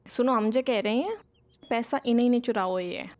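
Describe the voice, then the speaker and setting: A woman's voice: a little high, moderate pace, highs cut off, close to an everyday voice. A woman acting as a housewife who talks coaxingly to her husband. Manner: coaxing, pleading. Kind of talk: sitcom acting.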